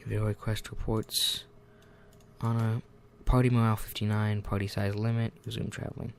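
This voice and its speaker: Gravelly low-voiced man muttering game commentary. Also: flat delivery, normal speed, a little hiss or hum. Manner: rambling and self-deprecating, often muttering asides. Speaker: gaming channel host. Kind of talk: casual let's-play commentary.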